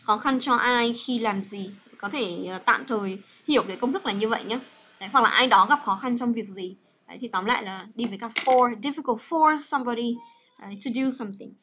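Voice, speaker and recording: A woman's voice: fairly high pitch, brisk, pushed and bright, slight background noise. A young woman teaching English grammar on a livestream, chatty and coaxing, full of fillers and checks with her students.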